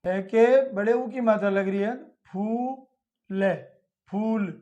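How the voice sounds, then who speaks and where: A man teaching children to read Hindi, spelling out each syllable slowly and repeating it, with a Hindi accent. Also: high-pitched, mellow. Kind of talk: slow instructional lesson. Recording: dull lo-fi audio.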